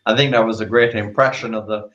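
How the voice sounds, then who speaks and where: A man's voice: on the low side, steady tone, fast, fairly bright tone. A man hosting a talk show, asking casual questions with brief reactions and laughs. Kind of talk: casual interview. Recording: echoey, muffled audio.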